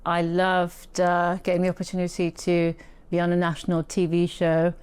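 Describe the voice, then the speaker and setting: Woman guest on an interview show, lowish smooth voice, reflective, keeps restarting her sentences. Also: monotone, moderate pace, no echo. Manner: reflective, with frequent restarts and soft laughs. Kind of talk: casual interview conversation.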